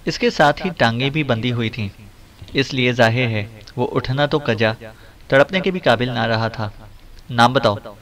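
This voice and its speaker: A man reading a spy novel aloud as an audiobook narrator, in a steady, dramatic storytelling manner. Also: medium pitch, normal speed.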